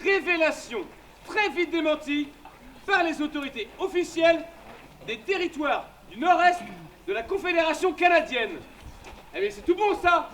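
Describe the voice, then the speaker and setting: A man voicing a jittery newspaper editor in a radio play, stumbling over his words in his eagerness. His voice sits very high, with faint noise behind it. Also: lively intonation, normal speed, a bit bright. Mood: excited.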